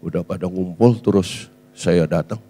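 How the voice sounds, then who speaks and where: A man's voice: sits low, normal speed, dark tone. A man in his sixties, a preacher, telling a funny story in a sermon, chatty and laughing as he acts out the people in it.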